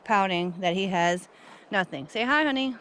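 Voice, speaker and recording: Woman, casual vlog, excitable, chatty, outdoors, handheld camera, mid-range voice. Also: medium pitch, moderate pace, a little hiss or hum. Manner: excitable, chatty, addresses viewers directly. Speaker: vlogger. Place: outdoors at a dig site.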